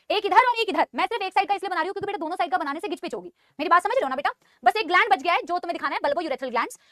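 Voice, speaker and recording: A woman biology teacher leads a live online class at a rapid clip, her voice pitched high. She mixes English terms into Hindi and keeps addressing students as "beta," scolding them while insisting she is calm. The sound is close and dry. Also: no echo.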